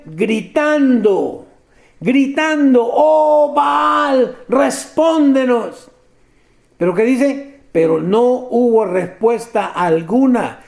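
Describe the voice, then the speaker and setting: High, gravelly-voiced man preaching. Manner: animated, addresses listeners directly, laughs often. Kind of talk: sermon.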